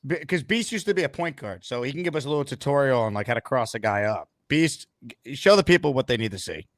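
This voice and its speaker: A man's voice: mid-range voice, animated, fast, dry recording, clean studio sound. A man hosting a casual sports talk show, teasing his guests with jokes. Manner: teasing, jokey. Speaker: show host.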